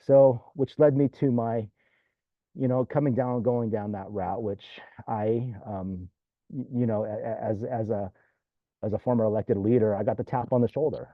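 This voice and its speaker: A man's voice: on the low side, steady tone, normal speed, no room sound. A man who is a former mayor, telling stories casually and rambling, with "you know" and "right?" scattered through his talk. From California. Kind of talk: casual storytelling. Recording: dry tinny phone-like line.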